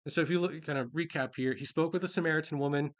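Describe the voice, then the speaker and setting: A man preaching a sermon in a relaxed, informal way. He reads scripture passages and then retells them in everyday speech. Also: fairly high pitch, rapid-fire. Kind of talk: casual conversational sermon.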